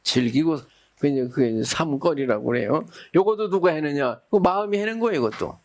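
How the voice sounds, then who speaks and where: A man's voice: fairly high pitch, lively intonation, brisk, darkish tone. A middle-aged man, a Buddhist monk, giving a dharma talk in a folksy storytelling way, acting out the people he quotes.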